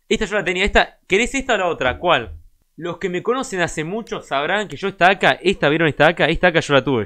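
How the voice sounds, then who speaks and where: A young man with a Rioplatense Spanish accent, giving excitable, casual gameplay commentary as a streamer and talking straight to his chat. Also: on the high side. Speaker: gaming streamer.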